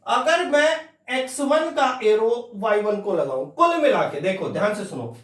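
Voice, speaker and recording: High-voiced male math teacher, echoey room. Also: big pitch swings, a bit bright, far from the mic. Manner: repeats points slowly, keeps asking students to listen. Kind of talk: classroom lecture.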